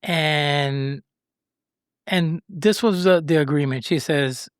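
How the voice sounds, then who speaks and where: A man's voice: a little high, slow pace, clear, resonant tone, no room sound, studio quality. A man from Rico, hosting a podcast and earnestly telling a personal story, rambling and acting out what people said. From Puerto Rico. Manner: earnest, rambling, acts out the voices of people he quotes. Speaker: podcast host.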